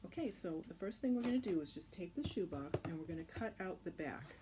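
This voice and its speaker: Talking a little fast with lively intonation, a lowish-voiced woman walks through a children's craft step by step. She's a casual, reassuring instructor, and her home recording is clearly noisy.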